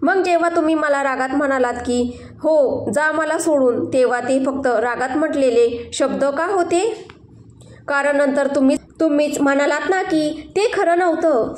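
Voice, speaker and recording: A woman voicing an innocent, affectionate young wife with a gentle, coaxing way of talking, in a storybook reading. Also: high voice, moderate pace, natural voice. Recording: roomy echo.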